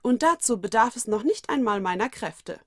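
A woman's voice: fairly high pitch, lively intonation, normal speed, a bit bright, no room sound, studio quality. A woman voicing a mysterious, teasing adult witch in a storybook reading. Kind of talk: audiobook reading of fan fiction.

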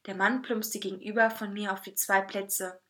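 A woman reading a first-person story aloud in a lively, playful way. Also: mid-range voice, normal speed. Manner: lively, playful narration with voices.

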